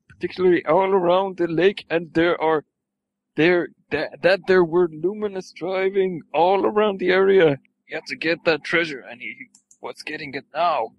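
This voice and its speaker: In a low-quality recording, a man with a fairly high voice reads fan fiction aloud for laughs, tripping over words and swearing at what he's reading.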